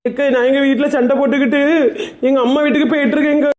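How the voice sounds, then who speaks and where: A woman's voice: high voice, fairly even intonation, racing, darkish tone, roomy sound, pitched below the performer's own voice, natural voice. A woman with a Kanyakumari Tamil accent voicing an upset young sister-in-law who talks sulkily and dramatically on a phone call. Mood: sulky. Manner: sulky, dramatic.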